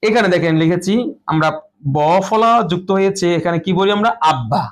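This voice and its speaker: A man with a high voice teaches a grammar lesson in front of a board. He works through each rule step by step and goes over every example word more than once. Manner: explains slowly, repeats each rule and example words. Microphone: phone or camera in front of a board.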